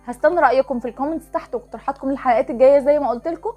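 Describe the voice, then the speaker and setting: Quick, high-voiced Egyptian woman teaching phonics. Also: muffled recording, faint music behind. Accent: Egyptian Arabic. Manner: explains step by step, sounding out letters slowly. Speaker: channel host teaching phonics to parents. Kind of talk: instructional talk to parents.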